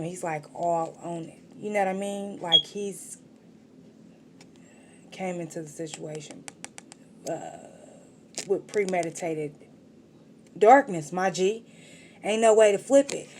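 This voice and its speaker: A woman's voice: lowish voice, darkish tone, a little hiss or hum. A woman giving a casual tarot reading, talking straight to the viewer in slangy, profane street talk. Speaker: tarot reader.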